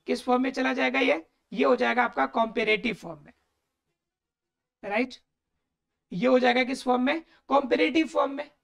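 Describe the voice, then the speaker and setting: A woman teacher with a high voice and a gravelly, fry-edged texture explains grammar patiently. She poses a question to the class, then answers it herself. She repeats each key term to drive it home. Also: normal speed, pauses often. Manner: asks and answers her own questions, repeats key words. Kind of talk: explanatory lesson.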